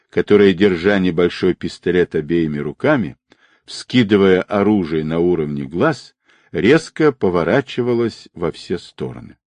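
A deep, low male voice narrating an audiobook with lively, wide-ranging intonation. The recording is dry and close, with no room sound around it. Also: dry recording.

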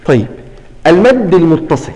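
A man teaching a classroom lesson on Quran recitation. He keeps asking his students questions, repeats the key terms, and draws out words slowly when he demonstrates them. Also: a little high, big pitch swings, mellow, big-room sound, poor audio.

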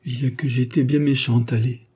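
A man's voice: mid-range voice, level tone, a little fast, dark tone, slightly rough, pitched above the performer's own voice, lightly acted. A man voicing a carefree young woman who pleads and whines tearfully in a story reading.

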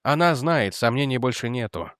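A man reading an audiobook, voicing a weary, gentle detective who speaks quietly and measuredly. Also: medium pitch, expressive, normal speed, clear, resonant tone, dry recording, studio quality, close to an everyday voice.

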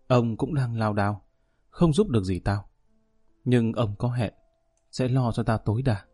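A man voicing a sad young runaway son who quietly tells of his hardships in an audiobook story. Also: medium pitch, breathy edge, no room sound, studio quality.

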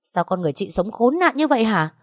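A grieving young wife who is furious and defiant and throws accusations at her rival, as a woman reading the story puts her on. Her voice is lowish. The sound is dry and close, with no room around it. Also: expressive, a little fast, darkish tone, no echo. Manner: indignant, accusing.

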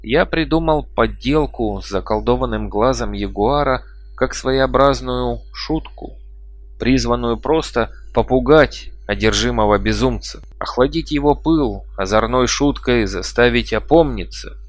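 A man reading an audiobook in a measured, even storytelling manner. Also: medium pitch, no echo. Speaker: audiobook narrator. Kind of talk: scripted narration.

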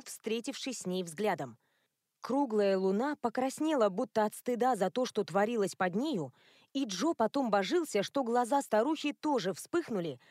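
A woman narrates an audiobook with a measured, expressive delivery. Her voice sits fairly high. The recording is dry, with no room echo. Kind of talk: scripted narration.

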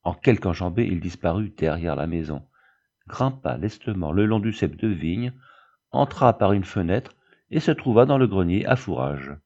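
A man with a lowish, dark and mellow voice reads a Christmas storybook aloud in steady scripted narration. He shifts his voice up a little when he quotes the characters. The recording sounds dull and lo-fi. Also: moderate pace. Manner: steady reading, lifts pitch for quoted voices. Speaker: audiobook reader.

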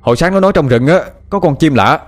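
A man's voice: on the high side, animated, fast, faint music behind, voice pushed up, natural voice. A man voicing a scared young village drifter who talks nervously and stammers in his own defense. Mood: defensive.

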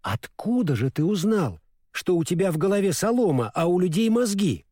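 Man voicing an earnest storybook girl, light and lively, dry close sound. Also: sits high, normal speed, no room sound. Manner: earnest, gently scolding. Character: kind earnest young girl. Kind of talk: storybook reading.

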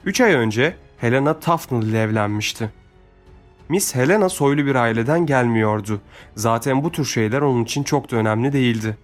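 A man's voice: mid-range voice, a little fast. Man narrating a storybook over faint music. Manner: steady storytelling. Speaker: audiobook narrator. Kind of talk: scripted narration.

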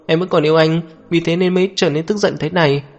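A man's voice: mid-range voice, a little fast, a little mellow, dull audio, lightly acted. A man voicing a possessive, volatile young husband in an audio novel, with a harsh, domineering way of talking. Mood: pleading. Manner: pleading turning harsh and domineering.

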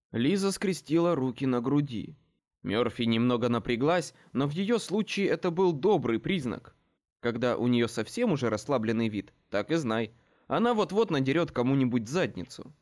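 A man narrating an audiobook in the first person with a wry, expressive delivery. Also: mid-range voice, normal speed.

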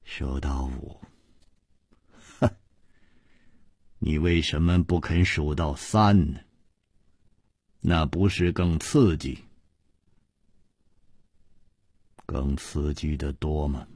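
A man voicing a calm, wry male swordsman hero who speaks in a slow, amused drawl. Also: low voice, dry recording, voice pushed down, exaggerated voice. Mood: mocking.

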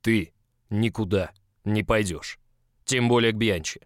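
A domineering, possessive boss who growls his orders in short, stern lines, voiced by a man reading a story. His voice sits low. The recording is dry and close, with no room sound. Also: fairly even intonation, fairly quick, dry recording, lightly acted.

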